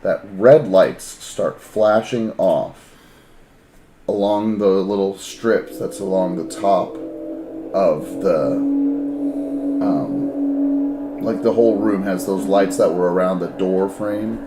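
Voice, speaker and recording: A man's voice: low-pitched, slow, long pauses, warm tone, slight background noise. A man narrating a tabletop game as game master in a casual way, with many fillers. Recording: roomy echo with music behind.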